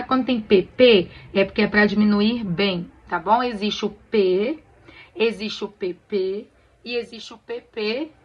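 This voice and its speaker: A Brazilian woman gently teaching church choir singers to read sheet music, often checking they follow along. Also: medium pitch, dull audio. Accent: Brazilian Portuguese. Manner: friendly, explains patiently with many "tá bom?" checks. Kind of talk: casual tutorial on reading sheet music.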